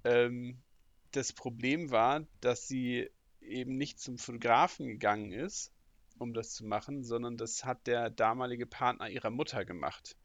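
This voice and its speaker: Slow, hesitant man chatting. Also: mid-range voice, no room sound. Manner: hesitant, full of fillers and laughter. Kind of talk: casual chat.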